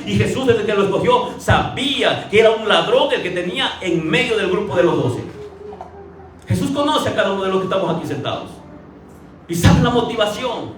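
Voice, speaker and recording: A man's voice: sits high, a bit bright, slight background noise. A man preaching a sermon with emphatic repetition and rhetorical questions. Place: church. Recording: echoey church from far off, faint ambience.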